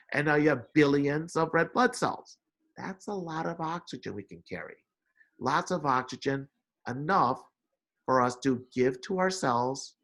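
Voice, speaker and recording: A science instructor in his forties, born in Indonesia and moved to America at eight, gives an informal lecture in a medium-pitched, slightly bright voice. He often checks in with "right?" and repeats key phrases.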